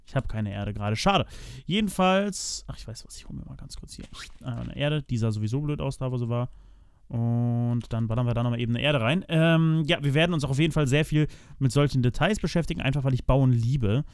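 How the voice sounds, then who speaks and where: A young man chats his way through a building session, addressing his viewers as friends and thinking aloud as he places blocks. His voice sits at an ordinary middle pitch. The sound is dry and close, with no room echo. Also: brisk, clear, resonant tone. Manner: chatty, talks to viewers as "meine Freunde"; thinks aloud while building, frequent restarts and fillers. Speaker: let's play host. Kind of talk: casual gameplay commentary.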